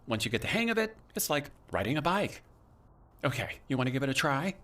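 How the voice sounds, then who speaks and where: A man's voice: mid-range voice, big pitch swings, brisk, bright, forceful tone. An actor playing a campy, motherly ghost mentor who calls others honey and sweetheart, in an audio drama. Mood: warm, coaching.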